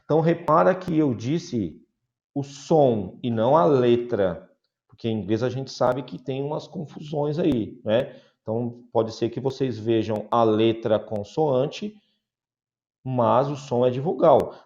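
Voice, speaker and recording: A Brazilian man teaching an English grammar lesson. He models the example sentences slowly and carefully, repeats them for drilling, and keeps checking that his students follow. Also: medium pitch, expressive, a little mellow, muffled recording. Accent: Brazilian Portuguese. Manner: repetitive drilling with frequent check-ins.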